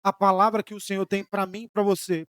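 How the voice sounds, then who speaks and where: A Brazilian man preaching a sermon as pastor, rising in emphatic bursts and then dropping soft, sometimes voicing the questions of his listeners. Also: high voice, little pitch movement, fairly quick, clean tone, dry recording, clean studio sound. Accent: Brazilian Portuguese. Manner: preaching with emphatic rises and sudden soft drops; voices imagined questions from listeners.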